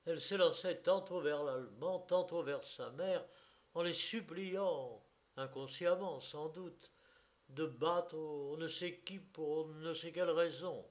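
A man narrating an audiobook in a measured, expressive storytelling manner. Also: on the high side.

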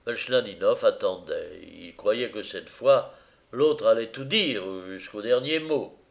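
A man reading a novel aloud as narrator, in a measured, even storytelling manner. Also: fairly low pitch, creaky.

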